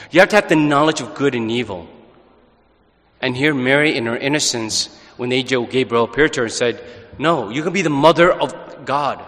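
A man preaching in a large church, mid-pitched and earnest, often pausing and restarting his phrases. Every word trails off into a long cathedral echo. It sounds like a live homily at Mass. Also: fairly bright tone. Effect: cathedral echo, long reverberation. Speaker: priest. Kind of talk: gospel reading and homily at Mass.

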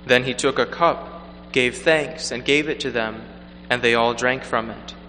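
A man reading the gospel and preaching a homily at Mass in a measured, earnest way, his voice ringing with cathedral echo in a large church. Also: medium pitch, fairly even intonation, sharp tone. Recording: long church reverb, faint hum.

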